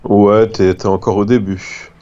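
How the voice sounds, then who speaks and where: A man's voice: on the low side, little pitch movement, a little slow, mellow, highs cut off. A man chatting casually and jokingly with a friend as he plays a video game. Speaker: gamer. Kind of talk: casual gameplay chat with a friend.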